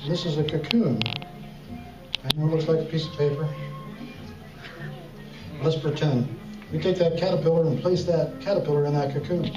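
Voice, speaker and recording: A man with a fairly high, steady voice speaks at normal speed, leaving long pauses as he does comedy magic patter like a kids' party magician and emcee, playfully coaxing the audience to respond. He is on a talent show stage in an echoey hall. The recording is muffled and distant, with music and crowd noise.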